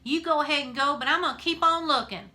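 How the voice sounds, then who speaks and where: A woman voicing an upset, stubborn young girl who pleads and shouts, high and loud. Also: moderate pace, lightly acted. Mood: shouting angrily.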